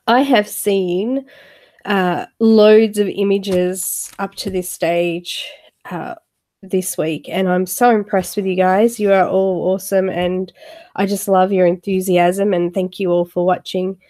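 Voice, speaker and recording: A woman hosting a live coloring stream for her YouTube channel speaks slowly at a medium pitch, her tone steady and dark. Nursing a cold, she sounds a bit nasal as she chats with viewers in a friendly manner full of fillers.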